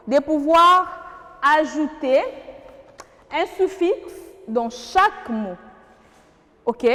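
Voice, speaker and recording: A woman's voice: high-pitched, a bit bright, big-room sound. A woman with a Congolese French accent teaching a primary school grammar lesson, patient and questioning, repeating key words for the class.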